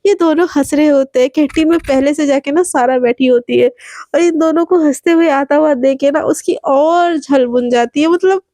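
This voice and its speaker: A woman's voice: sits high, normal speed, dark tone, no room sound, clean studio sound. A young woman telling a romance story in a casual, chatty way, full of fillers and asides.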